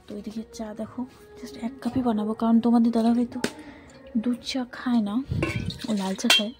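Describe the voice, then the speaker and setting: A woman chatting casually on a late-night vlog, keeping her voice low so as not to wake the house, her throat a bit strained from the cold. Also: flat delivery, brisk, music in the background. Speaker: vlogger tending chickens at night. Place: rural home at night, kitchen and chicken shed. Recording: noisy night with clucking chickens.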